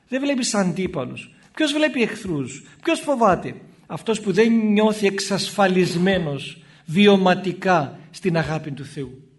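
A male Orthodox priest giving a spoken sermon in a conversational way, acting out short exchanges between people. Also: high voice. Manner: conversational, acts out little dialogues in shifting voices.

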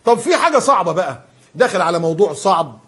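A middle-aged man with an Egyptian Arabic accent preaching a sermon, joking and acting out everyday scenes in an animated way. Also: high voice, fast, slightly rough. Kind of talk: humorous Friday-style sermon.

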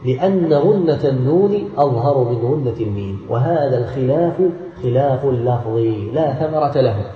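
A man from Algeria, a sheikh, reads a classical passage aloud and then explains it slowly and deliberately in a classroom commentary. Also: medium pitch, lively intonation. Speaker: sheikh teaching Quran recitation rules. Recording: dull, roomy lecture recording from a distance.

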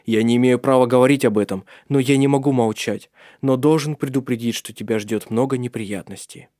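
A man's voice: mid-range voice, brisk, mellow, no room sound, clean studio sound, close to an everyday voice. Man playing an earnest young nobleman in love. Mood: urgent.

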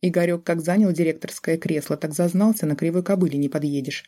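An audiobook narrator reading a first-person novel in a steady, matter-of-fact way. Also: mid-range voice, fast talker.

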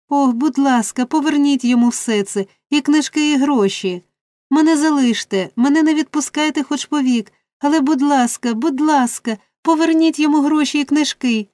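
A desperate, tearful orphan boy begs for mercy in a high, strained voice, as a woman reader puts him on. The tone is mellow and the recording dry and close. It is a storybook reading. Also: dry recording, lightly acted. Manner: pleading, tearful.

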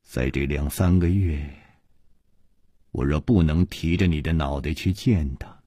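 Man putting on a poisoned guy on his last legs, super low and hushed, almost whispering, husky. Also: unhurried, no room sound, studio quality. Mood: grim. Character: poisoned man, grim, quiet and resigned. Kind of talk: Chinese storytelling broadcast.

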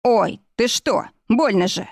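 A woman reading the part of a joking, fussy middle-aged man, a pathologist, in a slower, drawn-out manner. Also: mid-range voice, no echo, studio quality, close to an everyday voice.

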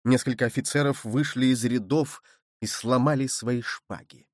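A man narrates an adventure novel as an audiobook, steady and dramatic. His voice sits at a middling pitch. The recording is close and dry. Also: normal speed, no echo.

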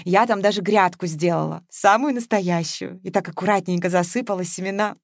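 A cheerful, house-proud older woman talks in a lively, animated way, voiced by a woman reading the story aloud. She comes across fussy and quick to take offence. The sound is dry and close. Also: on the low side, creaky, no room sound.

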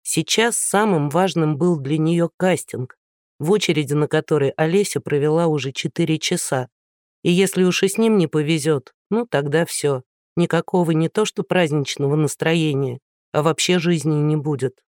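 Man with a higher voice reading a story. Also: normal speed, darkish tone, no echo, studio quality. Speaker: audiobook narrator. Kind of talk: scripted narration.

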